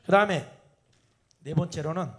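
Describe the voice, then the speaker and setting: A man's voice: on the high side, moderate pace, fairly bright tone. A man preaching a sermon at an evening prayer meeting. He addresses the congregation with rhetorical questions and acts out family dialogues in different voices. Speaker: pastor.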